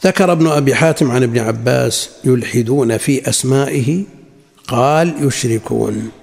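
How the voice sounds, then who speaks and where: A man teaching a religious lesson, reading quotations from classical sources and then explaining them in a measured way. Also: medium pitch, creaky, a little mellow. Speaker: Islamic scholar teaching a lesson. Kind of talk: lecture explaining a classical text. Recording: long hall reverb.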